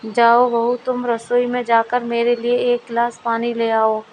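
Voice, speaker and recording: A woman voicing a kindly, patient older father-in-law in a family storybook, speaking calmly. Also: fairly high pitch, unhurried, slight background noise, lightly acted, rough recording. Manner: calm, patient, gently commanding. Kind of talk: storybook dialogue reading.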